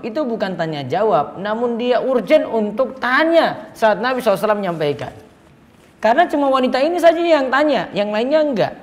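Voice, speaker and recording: A man giving a religious lecture, reading out listeners' questions and answering them plainly. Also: high voice. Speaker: Islamic teacher. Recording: echoey hall reverb.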